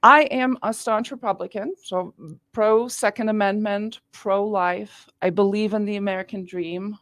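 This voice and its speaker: A middle-aged woman from Austria, a guest giving earnest, measured answers in a radio interview in the studio. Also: mid-range voice, steady tone, fairly bright tone, no room sound. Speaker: guest, district attorney candidate.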